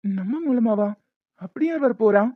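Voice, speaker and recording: A protective young husband, tender and earnest, his voice fairly high as it is done by a woman for a cartoon. The audio is dull and dry, with faint music. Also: lively intonation, normal speed, no echo.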